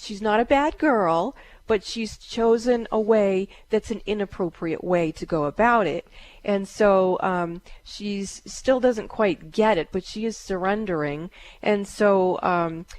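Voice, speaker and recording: A middle-aged woman, a psychic host on a call-in radio show. She speaks in a calm, soothing way and often pauses on fillers. Her pitch sits in an ordinary middle range. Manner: chants in a high drawn-out voice.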